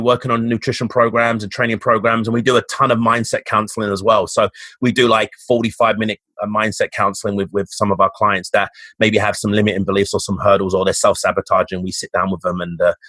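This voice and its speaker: A Cockney man with a fairly low voice talks about his coaching work in a casual, motivational way. He restarts his sentences often. The sound is dry and close, with no room echo. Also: bright, forceful tone. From East End of London, England. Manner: upbeat, motivational, frequent restarts. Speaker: fitness coach, podcast guest. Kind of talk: casual interview talk.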